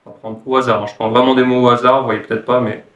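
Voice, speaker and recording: A man with a mid-pitched voice explains things like an informal language teacher. He hesitates and thinks aloud as he goes, recorded in a clearly echoey room. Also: little pitch movement, very fast, a bit bright, distant mic, highs cut off.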